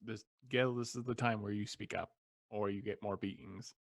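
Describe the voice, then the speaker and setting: A man's voice: fairly low pitch, steady tone, normal speed, no echo, clean studio sound. A man playing a tabletop fantasy game, improvising casually in character.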